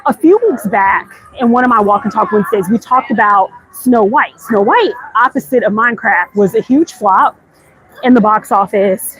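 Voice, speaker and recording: An American woman hosts a casual walk-and-talk livestream while strolling outdoors through a busy theme park, chatting conversationally straight to her viewers. Her voice is medium-pitched, moderately paced, fairly bright, and breathy, and the poor audio picks up the park's outdoor ambient noise.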